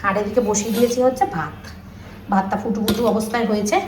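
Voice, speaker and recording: A woman's voice: medium pitch, fairly even intonation, quick pace, a little mellow. Woman, Kolkata Bengali accent, middle-aged, chatty home vlog, kitchen, faint background noise. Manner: chatty, repeats herself, talks to viewers as friends. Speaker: vlogger. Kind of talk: casual home vlog to viewers.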